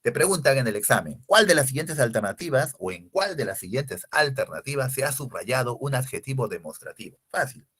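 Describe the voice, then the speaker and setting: Emphatic, husky man teaching grammar. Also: mid-range voice, very animated, fairly quick, few pauses, fairly bright tone. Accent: Peruvian Spanish. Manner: emphatic, rhetorical questions, spelling out lists. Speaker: language teacher. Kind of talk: exam-prep grammar lesson.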